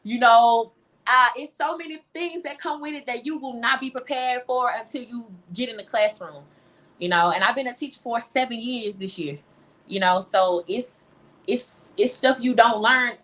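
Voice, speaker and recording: A young American woman who teaches and writes songs answers an interview in a relaxed, emphatic conversational style, regularly adding "you know." She speaks at a moderate pace in a fairly high, slightly bright voice.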